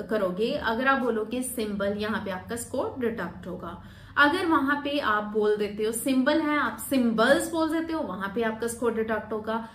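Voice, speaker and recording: A woman teaching exam speaking skills in a Hindi-English video lesson, explaining step by step and reading sample sentences very slowly. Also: on the high side, a bit bright. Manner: explains step by step, slows sharply for demonstration readings. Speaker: PTE exam coaching teacher. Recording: roomy echo with faint background noise.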